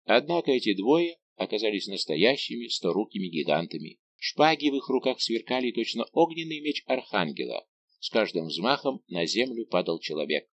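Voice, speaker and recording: A man's voice: on the low side, moderate pace. A man narrating an adventure novel as an audiobook, telling it in a dramatic, vivid way. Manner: expressive, vivid storytelling.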